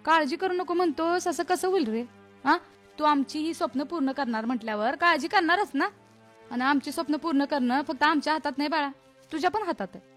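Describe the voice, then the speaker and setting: A woman's voice: sits high, a little fast, soft background music, lightly acted. An actress playing a worried poor village mother, nagging and anxious. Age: middle-aged.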